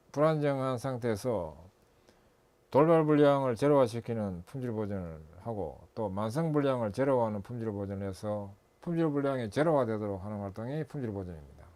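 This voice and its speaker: Man, middle-aged, instructor, methodical lecture, step-by-step, mid-pitched voice. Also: lively intonation, normal speed, a little mellow. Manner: methodical, lists steps with self-corrections. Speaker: instructor and consultant.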